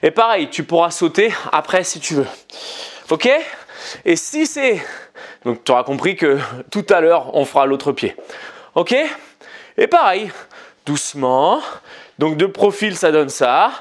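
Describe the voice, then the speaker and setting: Male fitness coach, high-pitched, unhurried delivery, counts reps and pushes people on. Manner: encouraging, counts reps and urges on. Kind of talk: guided home workout instruction.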